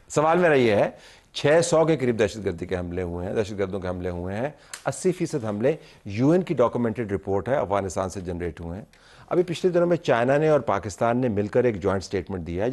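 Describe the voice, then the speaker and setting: A man's voice: lowish voice, expressive, a little mellow. A man hosting a televised political debate, pressing pointed questions and moderating heated guests. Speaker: talk show host.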